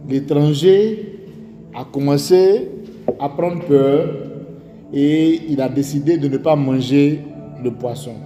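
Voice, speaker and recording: Ivorian preacher in an echoey hall. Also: male voice, fairly high pitch, slow, pauses often, mellow, dull audio. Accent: Ivorian French. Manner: storytelling with rhetorical questions. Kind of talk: sermon. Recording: echoey hall with faint music.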